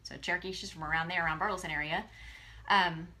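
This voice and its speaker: A woman's voice: on the low side, fairly even intonation, quick pace, pushed and bright. A woman from Texas, talking earnestly to her viewers in a live video, emotional and often close to tears. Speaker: direct sales presenter. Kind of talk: tearful motivational live video.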